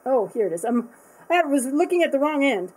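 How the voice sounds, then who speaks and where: A woman with a slightly high voice talks her way through an unboxing video. She rambles and thinks aloud, trailing off and restarting with plenty of fillers in a casual, unscripted way. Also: big pitch swings, brisk, darkish tone, breathy edge, rough recording. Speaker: art supply unboxing vlogger.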